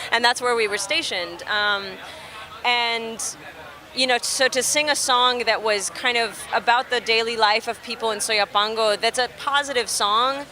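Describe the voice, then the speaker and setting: A young woman from Texas, a musician being interviewed outdoors, telling stories in an animated, chatty way and laughing easily. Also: on the high side, measured pace. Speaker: musician guest. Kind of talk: casual interview chat. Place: outdoors at a festival near traffic.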